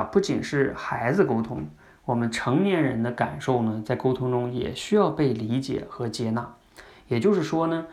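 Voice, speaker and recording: Host, male, young adult, gravelly, mid-pitched, chatty teaching tone. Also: darkish tone. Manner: conversational, asks listeners questions. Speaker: podcast host. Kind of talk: instructive monologue.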